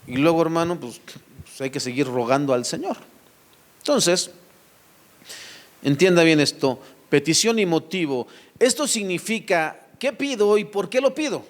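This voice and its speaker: A man's voice: a little high, expressive, moderate pace, pauses often. A man preaching a sermon to his church, firing rhetorical questions at the congregation and addressing them directly. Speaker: pastor.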